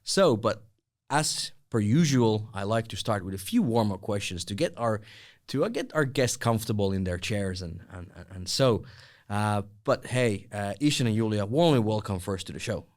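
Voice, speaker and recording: Low-voiced man hosting a podcast. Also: lively intonation, moderate pace. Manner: rambling, repeats words while framing questions. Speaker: podcast host. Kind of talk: casual interview hosting.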